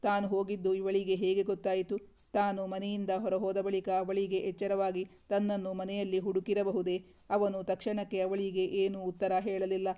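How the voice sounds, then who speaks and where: A narrator reading a serialized romance novel aloud in a steady, even storytelling manner. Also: mid-range voice, normal speed, clean tone.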